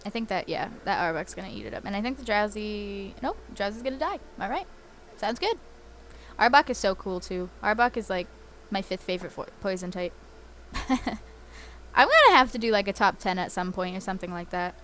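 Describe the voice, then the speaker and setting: A woman's voice: medium pitch, lively intonation, fairly quick, a bit bright, a little hiss or hum. A woman playing a video game and chatting casually as she plays, giggling often. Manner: chatty and giggly, lots of fillers. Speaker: let's play host.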